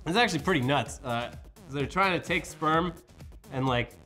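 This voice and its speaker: A man's voice: a little high, sharp tone, faint music behind. A young man co-hosting a casual comedy news show, joking loosely about odd headlines. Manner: joking, loose, with quick voices for quotes. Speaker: co-host. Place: studio.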